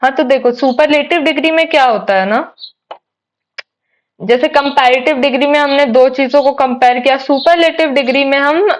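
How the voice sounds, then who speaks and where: A young woman teaches grammar in a slow, unhurried way, her voice sitting a little high. She explains each point patiently, step by step, and keeps checking in with her students. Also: low-quality recording. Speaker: English teacher. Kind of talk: online exam-prep lesson.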